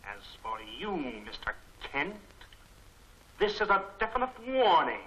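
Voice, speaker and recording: Recorded cylinder playback, threatening masked villain, 1940s serial style, very slow, piercing. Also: male voice, high-pitched, wildly swooping pitch, bright, forceful tone, a little hiss or hum, heavily acted, rough recording. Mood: menacing. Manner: slow, commanding, threatening delivery. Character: menacing masked male criminal mastermind. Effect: voice played back from a recording cylinder. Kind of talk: 1940s film serial acting.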